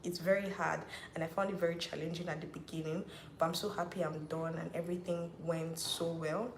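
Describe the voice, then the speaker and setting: Brisk and flat in delivery, this low-voiced Nigerian YouTuber in her 20s reads out viewers' comments during a livestream Q&A, peppering her casual talk with "like." The audio has a roomy echo and a bit of background noise.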